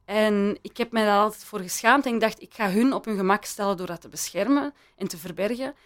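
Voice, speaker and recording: A woman in Belgium speaks as an interview guest in a brisk, mid-range voice. Her talk is reflective, thoughtful and hesitant, with frequent restarts and laughter.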